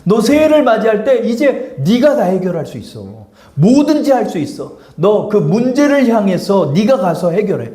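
A man's voice: high-pitched, big pitch swings, normal speed, hardly any pauses, dark tone, roomy sound. A man voicing God as a firm, fatherly male figure in a sermon, speaking in blunt, scolding casual talk. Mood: commanding.

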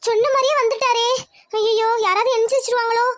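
A woman voicing a timid young village woman in love, talking in an anxious, hushed, pleading way in a cartoon. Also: very high-pitched, steady tone, fast talker. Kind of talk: cartoon voice acting.

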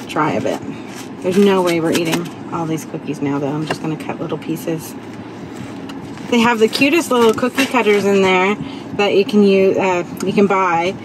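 Chatty woman tasting sweets in a car. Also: fairly low pitch. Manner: chatty, explains as she eats. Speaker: vlog host. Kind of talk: casual taste-test vlog. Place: parked car, indoors. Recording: noisy car interior.

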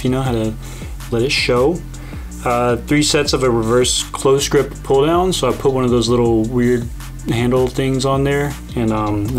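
A young man in his twenties talking casually in a home vlog voiceover with lots of fillers and a relaxed, rambling way of talking. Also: mid-range voice. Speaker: fitness vlogger. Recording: background music under the voice.

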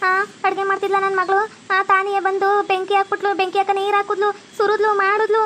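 A woman's voice: very high voice, monotone, fast, fairly bright tone, slight background noise. A woman voicing a scheming, spiteful old mother-in-law with a North Karnataka Kannada accent, gloating and repeating her words. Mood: complaining. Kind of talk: cartoon comedy voice acting.

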